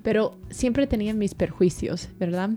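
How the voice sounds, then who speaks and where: A woman from the United States, a guest telling a lively personal story and acting out the people in it. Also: medium pitch, normal speed, faint music behind. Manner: animated, acts out the people in her story.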